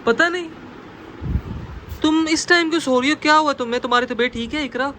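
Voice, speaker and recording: A young man, loudly accusing and scolding during a prank at home. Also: very high voice, a little fast, slight background noise. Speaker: vlogger, husband in a prank. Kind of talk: prank vlog confrontation. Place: home bedroom, indoors.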